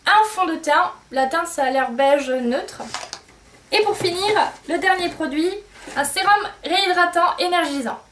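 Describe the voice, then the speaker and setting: High-pitched chatty woman vlogger, a bit off-mic with faint hiss, halting with lots of fillers. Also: a bit bright, far from the mic. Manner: chatty, hesitant with many fillers. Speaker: beauty vlogger. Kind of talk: casual chat to camera.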